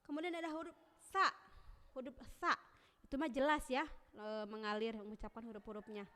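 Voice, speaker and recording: Female teacher, patient slow letter drills, long room reverb. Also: on the high side, level tone, bright, forceful tone. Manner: sounds out letters slowly and repeatedly, drawn out. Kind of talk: Quran recitation lesson for children.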